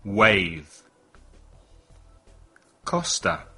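Slow, husky male English teacher. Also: on the low side, sing-song, sharp tone, faint music behind. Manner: slow, deliberate vocabulary drills with repetition. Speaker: English teacher and podcast host. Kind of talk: bilingual language lesson podcast.

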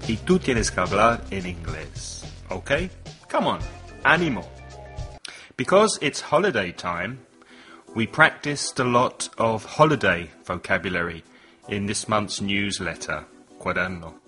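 A man hosting a bilingual English lesson podcast, leading slow, deliberate vocabulary drills with lots of repetition. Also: fairly low pitch, lively intonation, sharp tone, soft background music. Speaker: English teacher and podcast host.

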